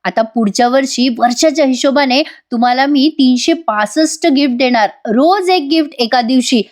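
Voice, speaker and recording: A woman doing a gentle young husband. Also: high voice, moderate pace, natural voice. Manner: gentle, sweetly teasing.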